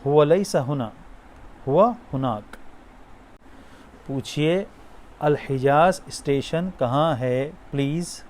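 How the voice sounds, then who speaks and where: A man teaching spoken Arabic, giving prompts, then saying each phrase slowly and asking the listener to repeat it. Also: on the high side, a little mellow, slight background noise. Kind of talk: spoken language drill lesson.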